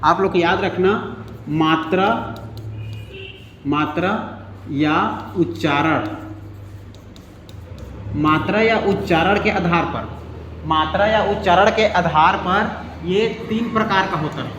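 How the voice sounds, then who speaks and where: A man's voice: high-pitched, slow pace, pauses often, fairly bright tone, highs cut off, a little hiss or hum. A male teacher giving a grammar lesson, repeating key points and asking if everyone is following. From India. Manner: repetitive, drilling with check-ins. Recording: echoey room with faint ambience.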